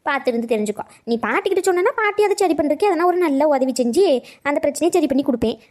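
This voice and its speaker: A chatty, scheming old cartoon grandmother, voiced by a woman,. She scolds and pleads in a high, quick voice and plays up every drama. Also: animated, a little mellow. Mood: scolding. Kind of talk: cartoon comedy acting.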